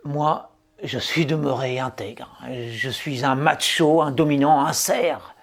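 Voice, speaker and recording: A man's voice: on the high side, takes it slowly. A man playing an arrogant, self-proclaimed macho man who declaims grandly and pompously, with hesitant fillers breaking up his lofty phrases. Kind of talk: mock-solemn satirical declamation.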